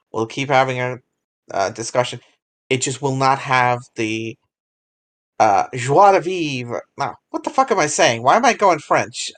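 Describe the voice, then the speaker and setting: Chatty host reading out listener questions. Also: medium pitch. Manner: chatty, self-interrupting, reads listener questions aloud. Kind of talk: casual podcast chat.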